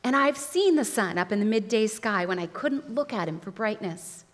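Woman reading storybook marsh creature, stubborn, stout, breathless, middle pitch, echoing hall. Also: animated, moderate pace, natural voice. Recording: long hall reverb.

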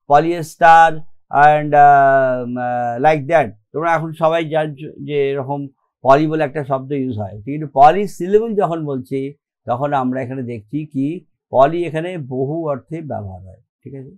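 Male grammar teacher, Bengali accent, higher-pitched voice, patient step-by-step explainer. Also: measured pace. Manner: explains step by step, often checks with "okay?"; mixes English terms into his explanations. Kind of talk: online grammar lesson.

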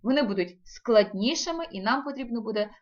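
A woman's voice: on the high side, animated, highs cut off. Woman teaching a language lesson. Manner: slow, careful word-by-word reading with pauses.

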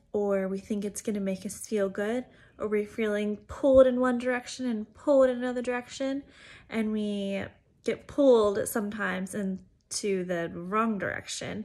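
A woman's voice: medium pitch, darkish tone. A woman who works as an educator, giving an informal church devotional in a chatty, conversational way with frequent fillers.

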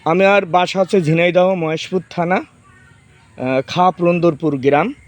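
A man's voice: high-pitched, unhurried, faint music behind. A man in his thirties from Bangladesh, chatting casually outdoors in a garden as he demonstrates fruit and directs his children. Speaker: farming vlogger. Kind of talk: casual outdoor demo chat.

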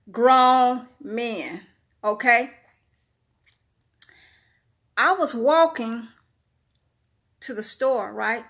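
Bright high-voiced woman vlogger. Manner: preachy, repeats herself, talks straight to viewers. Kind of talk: casual monologue to camera.

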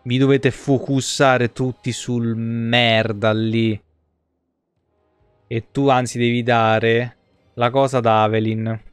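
Soft music plays behind a dry, clean recording of a man in his thirties speaking slowly in a level, medium-pitched tone. A video game streamer at an indoor desk, he grumbles and swears while casually commenting on his live gameplay.

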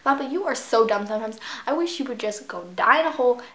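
A young woman vlogging as she plays a phone game, animated, squealing at the game and muttering between taps. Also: fairly high pitch, quick pace. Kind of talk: casual gaming vlog. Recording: echoey room with faint noise.

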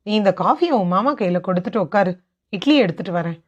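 A woman's voice: medium pitch, lively intonation, quick pace, highs cut off, close to an everyday voice. A woman voicing a practical middle-aged mother-in-law, matter-of-fact and firm.

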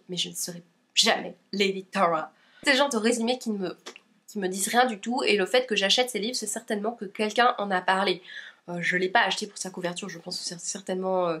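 A woman's voice: medium pitch, a bit bright. A young woman from Belgium, chatting casually about her reading pile with many hesitations. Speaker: book YouTuber. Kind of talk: casual book haul chat.

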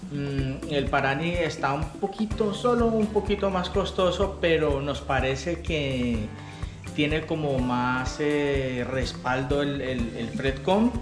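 A motorcycle vlogger in his forties, speaking with a Colombian accent, gives a casual product review to camera from his living room at home. His voice is a little high and slow, and the recording has a roomy echo with music underneath.

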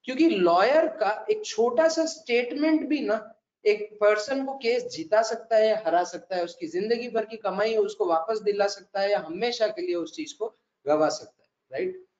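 A man's voice: sits high, moderate pace, a little mellow. A man with an Indian accent teaching an interactive classroom lecture, mixing Hindi and English, joking and quizzing students by name. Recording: echoey room, dull conference recording.

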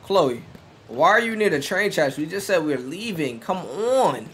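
A man's voice: on the high side, big pitch swings, unhurried, a bit bright, a little hiss or hum. Joking young man talking back at a game. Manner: joking, talks back to the characters. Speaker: gaming YouTuber. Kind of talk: casual let's-play commentary.

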